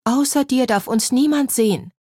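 A woman voicing a gentle, sad ghost lady who speaks softly in a storybook. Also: high-pitched, moderate pace, husky, no room sound, clean studio sound, voice pushed up. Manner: soft, cooing.

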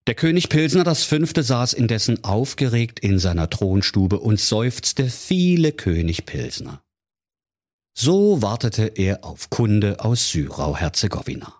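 A man's voice: lowish voice, very animated, measured pace, a little mellow. A man narrating a humorous fairy tale for children in a playful, theatrical way. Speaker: storyteller.

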